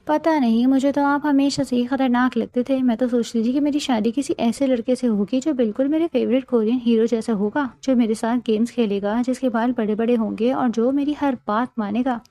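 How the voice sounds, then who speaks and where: Woman reading as a childish stubborn bride, pouty and defensive, high and mellow, dry close sound. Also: steady tone, few pauses, no echo, lightly acted.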